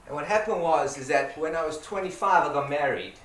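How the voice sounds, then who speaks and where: In an event space before a live audience, a South African man who owns a community delivers an informal personal talk, his fairly high, fairly bright voice brisk as he often repeats and restarts phrases. The sound is echoey and distant, with background noise.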